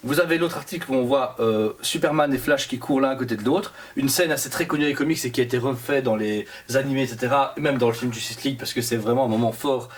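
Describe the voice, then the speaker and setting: In a casual co-hosted review of a collectible statue, this man speaks with a Belgian French accent and a medium-pitched voice. His delivery comes in quick, wandering bursts, full of restarts and filler words.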